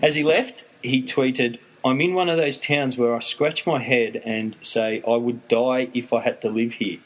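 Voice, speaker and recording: A man's voice: medium pitch, steady tone, unhurried, low-quality recording. A man with an Australian accent hosting a casual chat, telling stories in a dry, wry way. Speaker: podcast host.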